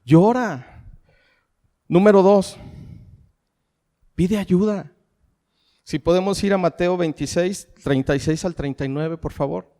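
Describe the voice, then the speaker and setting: A man's voice: sits high, slow, long pauses, mellow. A middle-aged man with a Mexican accent preaching a sermon, asking the congregation rhetorical questions and calling them family. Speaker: pastor. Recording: long hall reverb.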